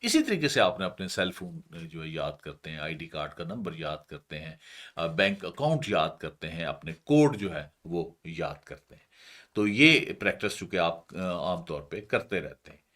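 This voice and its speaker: A middle-aged man, a professor, calmly explaining a memory technique step by step in a lesson. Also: deep voice, normal speed. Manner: calm, explains step by step with slide references.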